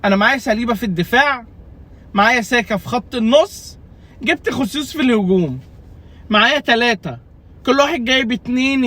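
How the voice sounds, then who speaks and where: A man's voice: extremely high pitch, a bit bright. A young man with an Egyptian Arabic accent, ranting casually and jokingly about his fantasy football team, exasperated and repeating himself. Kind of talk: casual comedic rant.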